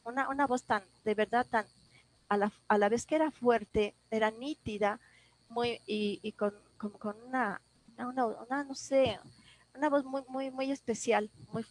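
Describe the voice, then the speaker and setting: A woman in a class discussion telling a personal story, halting and full of restarts, recorded over a video call. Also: on the high side, fairly even intonation, poor audio. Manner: halting, many restarts and repeated words, emotional retelling. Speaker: class participant.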